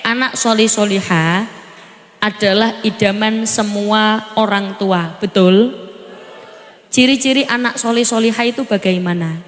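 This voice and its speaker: A woman preacher giving a lively sermon, quizzing and teasing her audience. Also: mid-range voice, measured pace, long pauses. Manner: animated, asks the audience questions and teases. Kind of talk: lively village sermon with jokes and crowd questions. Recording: echoey hall over PA, faint noise.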